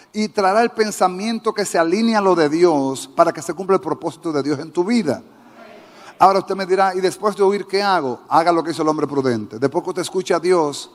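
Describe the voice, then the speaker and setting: Fervent pastor in reverberant church. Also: male voice, high-pitched. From Dominican Republic. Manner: fervent preaching, direct questions to the congregation. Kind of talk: sermon. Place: church sanctuary. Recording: church hall with long reverb.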